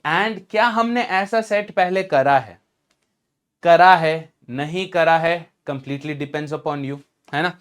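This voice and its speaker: A man's voice: a little high, slow, fairly bright tone, clear, resonant tone. A man teaching exam strategy in a casual, emphatic lecture, mixing in English and asking rhetorical questions.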